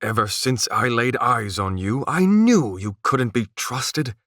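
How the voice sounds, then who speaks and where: A man voicing a brash, hot-tempered male soldier lieutenant who talks loud and aggressive. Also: medium pitch, expressive, unhurried, no echo, studio quality, voice pushed up. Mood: furious.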